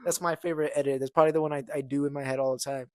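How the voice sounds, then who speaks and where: A man's voice: on the high side, steady tone, very fast, a little mellow, no echo, studio quality. A young man co-hosting a podcast, rambling casually with many restarts. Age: young adult. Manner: rambling, full of fillers and restarts. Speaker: podcast co-host. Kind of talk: casual chat.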